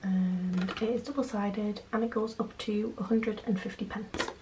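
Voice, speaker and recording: A young British woman chats casually in a quiet, hushed late-night voice at a medium pitch. She sounds like a home vlogger keeping her volume down. The recording has clear background noise. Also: fairly even intonation, a little slow, poor audio. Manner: quiet, hushed late-night talking so as not to wake sleeping children. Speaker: vlogger, channel host. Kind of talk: casual budgeting vlog, chatting while counting cash.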